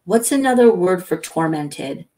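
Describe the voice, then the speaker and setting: A demanding female boss calls out across her office, as a woman reading a novel puts her on, pressing for answers. The voice sits low and gravelly, with a husky edge. She speaks slowly. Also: steady tone, a little mellow, exaggerated voice. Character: bossy female real estate boss, intense.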